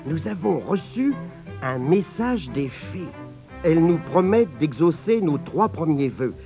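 Brief: storybook peasant wife, high, shrill and scolding, greedy temper; played by a man. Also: sing-song, unhurried, creaky, dark tone, faint music behind, exaggerated voice. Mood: eager.

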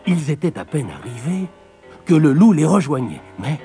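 A man reading a fairy tale aloud, with expressive storytelling. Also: a little high, normal speed, faint music behind.

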